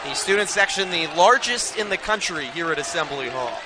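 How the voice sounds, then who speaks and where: An American play-by-play announcer calls live basketball for television with emphatic game calls, his voice on the high side, animated and brisk. It's a noisy arena with a loud crowd audible throughout.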